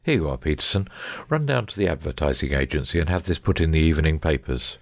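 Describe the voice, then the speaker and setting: In an audiobook drama, a man voices a gentleman detective with a very low, gravelly sound, shrewd and commanding, his phrasing precise and his intonation lively and swooping. The exaggerated character voice moves at a quick pace in a brisk, assured mood, and the recording is dry.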